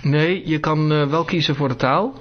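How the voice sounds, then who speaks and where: A man's voice: fairly high pitch, normal speed. A man giving a casual spoken demonstration to a small group, hesitating often with filler sounds. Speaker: presenter demonstrating phone features to a group. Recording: dull lo-fi recording.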